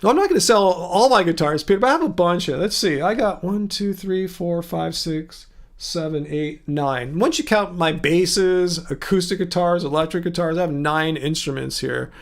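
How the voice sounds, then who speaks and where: A man with a high-set, gravelly voice hosts a casual livestream from home. He rambles as he reads out viewer comments and answers them. He often restarts his sentences and keeps the tone chatty. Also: moderate pace. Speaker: livestream host. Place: home room.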